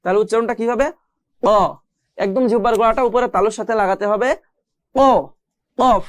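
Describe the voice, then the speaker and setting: A man teaching how to pronounce Arabic letters, speaking slowly and patiently, repeating each sound several times. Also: high-pitched, steady tone, no room sound. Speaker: Quran recitation teacher. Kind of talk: recorded pronunciation lesson.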